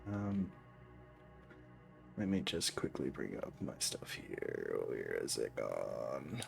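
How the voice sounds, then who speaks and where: A man narrating as game master of a tabletop game, slow and halting with many pauses. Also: rumbling low, wildly swooping pitch, creaky, soft background music.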